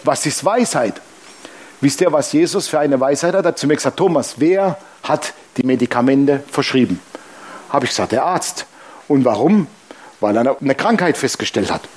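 A man's voice: moderate pace, slightly rough. A man preaching to his congregation as pastor, blunt and colloquial, acting out the voices in the stories he tells. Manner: animated storytelling, acting out dialogue with shifting pitch. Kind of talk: sermon.

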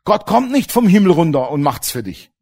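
A man's voice: on the high side, sing-song, fairly quick, gravelly, darkish tone, slightly rough. A middle-aged man preaching a sermon as pastor. He speaks with emphasis and keeps throwing rhetorical questions to the congregation.

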